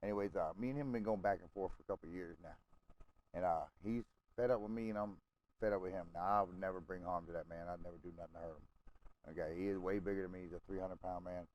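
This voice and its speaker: Man, lowish voice, casual game-chat storytelling, salty, rambling, checks in with listeners. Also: fairly even intonation, quick pace, a little mellow, dull audio. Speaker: gamer chatting with friends.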